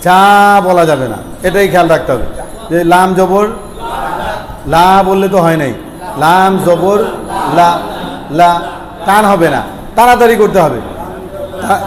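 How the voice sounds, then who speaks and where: A man teaching Arabic letter pronunciation, repeating sounds and quizzing his class. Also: high-pitched. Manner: repeats sounds slowly, asks the class questions. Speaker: Quran recitation teacher. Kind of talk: explaining Arabic pronunciation lesson. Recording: echoey room with faint ambient noise.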